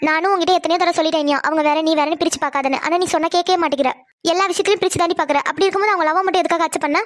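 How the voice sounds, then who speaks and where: A frank, blunt younger sister, voiced by a woman in a cartoon, scolding firmly. Her voice is high and rattles out very fast. The recording is dry and close. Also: steady tone, no room sound. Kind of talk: cartoon voice acting.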